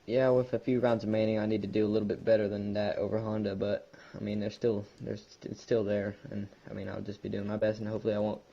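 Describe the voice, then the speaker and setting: A man, a racing league driver, talking hoarsely and ruefully in a post-race interview. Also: on the low side, level tone, quick pace, few pauses, dark tone. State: hoarse from yelling. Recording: muffled lo-fi voice chat.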